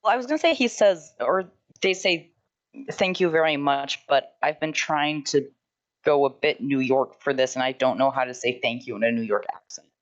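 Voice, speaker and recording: A playful tabletop player at a middle pitch, joking quickly through the game. The mic sounds a little dull.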